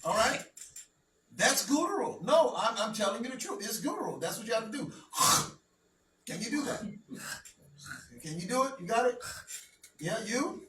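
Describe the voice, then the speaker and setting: A man teaching a language lesson to a class, speaking slowly and deliberately and often checking that everyone follows. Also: very high-pitched, big pitch swings. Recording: roomy, from a distance, faint noise.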